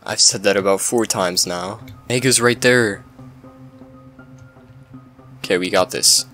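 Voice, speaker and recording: A man's voice: fairly low pitch, slow pace, sharp tone. A young man giving casual, self-mocking commentary over his own gameplay, breaking into yelps and laughter when things go wrong. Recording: faint music behind.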